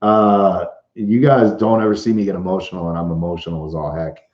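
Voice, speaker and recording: A man hosting a casual live Q&A, reading viewer comments aloud with frequent halting restarts. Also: deep voice, steady tone. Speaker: livestream host. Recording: roomy, dull lo-fi livestream audio.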